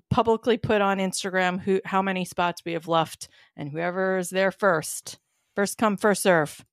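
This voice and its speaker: A woman's voice: medium pitch, clean tone, no room sound, clean studio sound. Chatty woman co-hosting a running podcast. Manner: chatty, animated, many fillers. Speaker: podcast co-host, race organizer. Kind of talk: casual chat.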